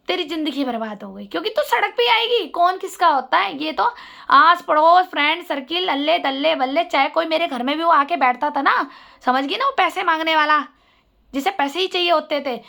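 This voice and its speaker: A woman's voice: very high voice, vocal fry, sharp tone. A middle-aged woman giving an emotional, scolding appeal straight to her sister in a personal vlog. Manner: scolding, pleading, preachy. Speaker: vlogger addressing her sister. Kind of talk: emotional direct-to-camera appeal.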